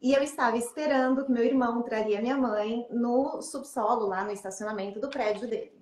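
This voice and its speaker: Lively Brazilian woman host in an echoey room. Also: on the high side, a little fast. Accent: Brazilian Portuguese. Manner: lively, laughing storyteller. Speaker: interview host. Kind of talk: casual interview and storytelling.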